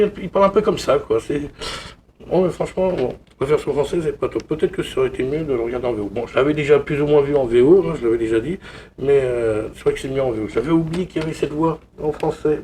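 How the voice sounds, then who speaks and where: A chatty man speaking straight to his viewers in a loose, rambling way, stumbling through restarts and filler words as he goes. His voice sits at an ordinary middle pitch. A faint hum of room noise sits under his talk. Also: darkish tone. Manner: chatty, addresses viewers directly. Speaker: film collector YouTuber. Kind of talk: casual unboxing and film review chat.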